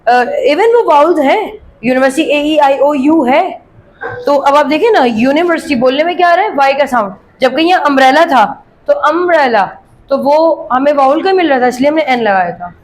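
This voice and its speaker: An expressive, high-pitched woman teaches English grammar using a worksheet, reading examples at a slow, clear pace and explaining them briskly. Often she asks students questions only to answer them herself. There's a little hiss or hum, and the audio quality is poor.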